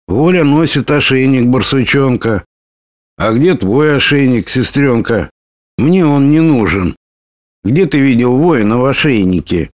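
A man voicing a lively, bold young woman warrior who talks brashly and teases. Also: medium pitch, no room sound, clean studio sound, pitched above the performer's own voice, natural voice. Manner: brash, teasing, excitable.

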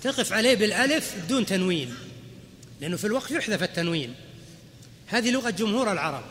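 A man with a high-pitched, sharp and bright voice lectures on grammar like a sheikh at a lesson, breaking each rule into small steps and tossing quick questions to his students. His voice rings in a reverberant hall over a faint background hiss. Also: very animated. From Saudi Arabia. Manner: explains step by step, quizzing the class with quick questions. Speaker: sheikh teaching Arabic grammar. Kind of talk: classroom lecture.

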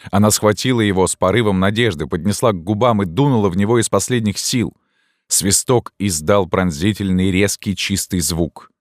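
A man narrating an audiobook in a measured, even storytelling manner. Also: on the low side, no echo, studio quality.

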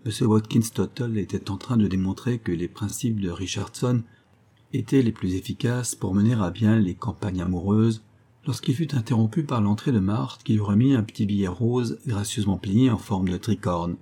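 Male audiobook narrator, measured, low pitch, mellow tone. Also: breathy edge. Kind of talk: audiobook narration of a classic story.

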